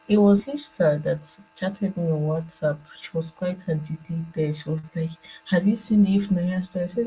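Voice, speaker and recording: On a remote online call from a laptop indoors, a Nigerian-accented woman with a low, dark voice shares unscripted views as a panel guest. The audio is poor, and she speaks reflectively and with hesitation, repeating phrases to stress them.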